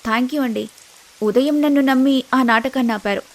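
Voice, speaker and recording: A woman doing a gentle young wife. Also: sits high, normal speed. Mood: tender. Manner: soft, grateful.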